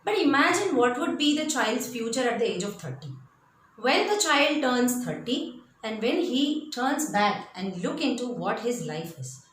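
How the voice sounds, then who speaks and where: A woman with an Indian accent giving an animated motivational talk, emphatic and repeating phrases for effect as she tells stories. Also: on the high side. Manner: switches between English and Hindi. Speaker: speaker at a parents' seminar. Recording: very echoey room with faint background noise.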